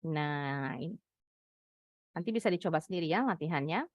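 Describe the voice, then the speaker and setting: Indonesian lady teaching english, bouncy pitch, takes her time, dry close sound. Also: expressive, dry recording, highs cut off. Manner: patient, explains slowly, praises students. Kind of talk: online class teaching.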